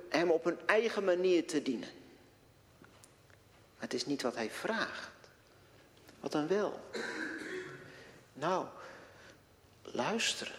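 A man preaching a sermon in a church, slow and deliberate, posing rhetorical questions to his congregation. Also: a little high. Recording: long reverb of a church hall.

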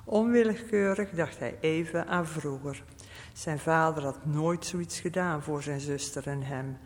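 A narrator reading a story aloud in a calm, steady manner. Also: medium pitch, measured pace. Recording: long reverb.

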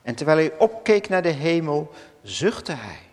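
A man preaching, reading scripture slowly and solemnly with deliberate pauses. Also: on the high side, very animated, a little mellow. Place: church. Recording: long church reverb.

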